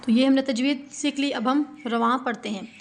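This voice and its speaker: A woman's voice: sits high, steady tone, moderate pace. A woman Quran teacher with a Pakistani Urdu accent, giving a patient step-by-step recitation lesson that spells out sounds syllable by syllable and poses questions to her students.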